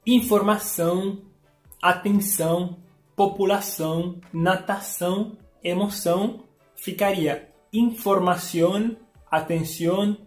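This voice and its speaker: A woman's voice: on the low side, darkish tone. A woman giving an informal language lesson, patiently explaining and reading out word lists one by one. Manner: explains patiently, reads word lists slowly, tag questions. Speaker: language teacher. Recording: echoey room with faint music.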